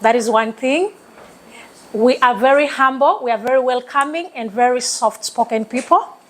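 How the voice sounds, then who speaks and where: A woman's voice: high-pitched, normal speed, low-quality recording. Earnest Ugandan woman speaking as a guest. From eastern Uganda. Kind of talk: studio talk show guest.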